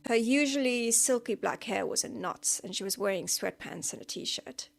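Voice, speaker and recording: A woman reading her own novel aloud in a steady, unpolished storytelling voice. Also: on the high side, moderate pace, vocal fry. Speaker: amateur audiobook reader. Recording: music playing behind the voice. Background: background music.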